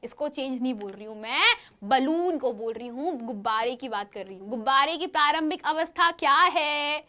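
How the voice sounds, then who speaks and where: A woman teaching a science lesson to schoolchildren, with a lively, questioning manner, often asking the class to answer. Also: high voice, moderate pace. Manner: lively, questioning, addresses pupils as children.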